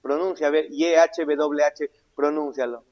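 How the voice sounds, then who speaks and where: A man preaching a sermon, asking the congregation questions and answering them himself, swinging between loud emphatic lines and low hushed asides. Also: steady tone, a little slow, lo-fi sound. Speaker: pastor. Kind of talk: sermon Bible teaching.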